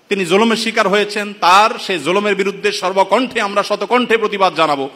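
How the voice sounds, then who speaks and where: Indignant high-voiced preacher in reverberant hall. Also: male voice, bright, forceful tone. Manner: rhetorical, indignant, addresses listeners as brothers. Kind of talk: impassioned sermon-style commentary. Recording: long reverberant hall sound.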